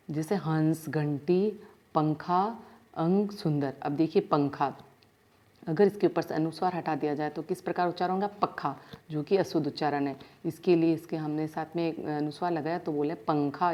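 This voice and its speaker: A woman's voice: low voice, mellow. A woman school teacher, giving a grammar lesson and sounding out letters one by one. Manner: explains step by step, sounds out letters slowly. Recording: dull lo-fi sound.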